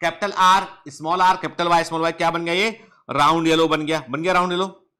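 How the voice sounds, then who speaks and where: High, bright-voiced male biology teacher. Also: steady tone, brisk, clean tone. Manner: drills students with repeated questions, joking and scolding playfully. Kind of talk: online lecture. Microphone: touchscreen device close up.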